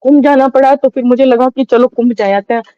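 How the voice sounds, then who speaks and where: Middle-aged woman telling a sad personal story, mellow soft voice, halting, dry dull-sounding recording. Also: sits high, steady tone, no room sound. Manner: halting, sorrowful retelling with many restarts. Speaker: interview guest. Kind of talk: emotional personal testimony.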